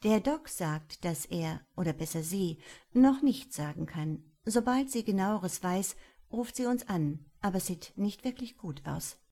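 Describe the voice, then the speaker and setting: A woman's voice: mid-range voice, animated, measured pace, dark tone. A woman voicing a thoughtful, earnest female police detective in a crime audiobook, speaking firmly and reproachfully. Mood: dry.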